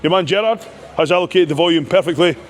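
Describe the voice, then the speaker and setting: A man's voice: sits high, fast talker, slight background noise. A man hosting a casual gym vlog as a coach, with matey gym bro talk and some swearing. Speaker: host and training coach.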